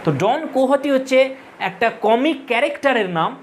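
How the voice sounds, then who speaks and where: A woman teacher delivers a recorded literature lesson, patiently explaining each point, calling her viewers friends and slipping English terms into her sentences. She pauses to spell out and correct how names are pronounced. Her high-pitched voice is animated and moderately paced, with slight background noise.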